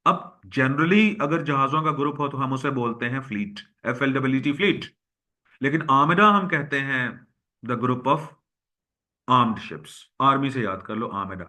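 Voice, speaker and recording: Bright-voiced man teaching vocabulary. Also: medium pitch, a little slow. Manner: drills words by repeating them; addresses students as boys and girls. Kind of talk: recorded lecture.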